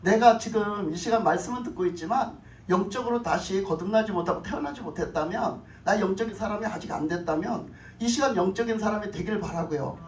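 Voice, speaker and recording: A woman pastor of medium pitch preaches briskly in a church sanctuary, frequently questioning her congregation, repeating herself, and letting out chuckles. The recording is reverberant and distant, with a faint hiss of noise.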